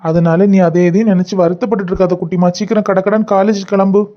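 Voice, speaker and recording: A performer with a Kanyakumari Tamil accent voicing a gentle young man in a cartoon, speaking softly in a coaxing, pleading way. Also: medium pitch, fairly even intonation, fast talker, dull audio, close to an everyday voice. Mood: soothing. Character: gentle young man, apologetic husband and caring brother. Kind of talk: cartoon voice acting.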